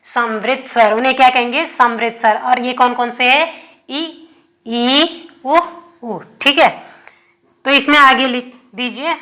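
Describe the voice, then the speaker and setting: Bright-voiced Hindi teacher drilling terms. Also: female voice, high voice, fairly even intonation. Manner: repeats key terms with rhetorical questions; dictates notes slowly. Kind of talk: exam-prep lesson.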